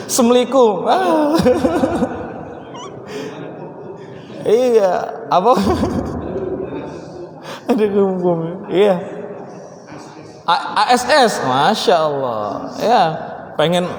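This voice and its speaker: Playful high-voiced tajwid teacher in echoing hall. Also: male voice, very animated, crowd noise. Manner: playful, teasing, mimics exaggerated greetings, slow drawn-out recitation. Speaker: Quran recitation teacher. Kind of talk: mosque tajwid class, joking with students. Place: mosque hall. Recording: echoey mosque hall with long reverb.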